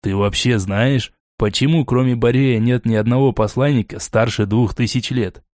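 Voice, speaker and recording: A man doing a low, calm, cunning envoy. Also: moderate pace, no room sound, studio quality, close to an everyday voice. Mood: lecturing. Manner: low, quiet and insinuating.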